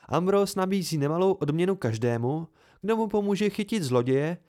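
A brisk young woman healer with a dry, teasing wit, as a male reader raises his voice to play her. She talks crisply and matter-of-factly, her lifted pitch bright against the narration. It is an amateur storybook reading. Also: expressive.

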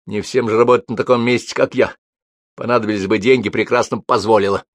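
A man's voice: fairly low pitch, steady tone, fast, no room sound, close to an everyday voice. A man voicing a smug, self-assured man who talks down to others.

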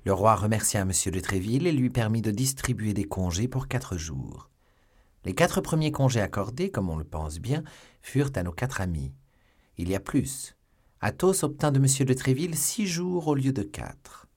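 A man narrating a classic novel as an audiobook in a measured, expressive reading. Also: mid-range voice, breathy edge. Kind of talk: scripted narration.

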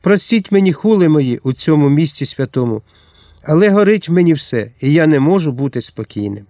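Гарячий козацький полковник, якого грає читець, говорить пристрасно й рвучко, голос піднятий і напружений. Запис сухий, без кімнатного відлуння. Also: male voice, on the high side, lively intonation, fairly quick, dark tone, no room sound, clean studio sound. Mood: impassioned. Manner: impassioned, vehement. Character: hot-tempered Cossack colonel, fiery and grieving.

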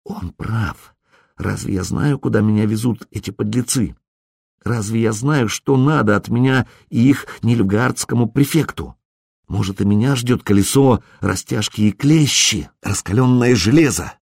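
A man voicing a frightened teenage girl who speaks in a hushed, urgent whisper. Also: on the low side, a little slow, creaky, husky, dry recording, clean studio sound, heavily acted. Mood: grim.

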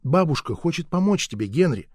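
A man's voice: on the high side, big pitch swings, brisk, darkish tone, slightly rough, dry recording, clean studio sound. A man voicing an anxious, pious mother in an audiobook, urgent and pleading. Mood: worried.

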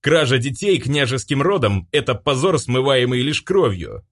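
Audiobook: man as a gruff secret police chief barking orders. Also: medium pitch, very animated, normal speed, voice pushed up. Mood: alarmed.

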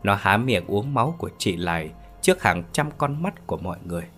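Man, low voice, horror story narration, dramatic, faint music behind. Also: very animated, brisk, a bit bright.

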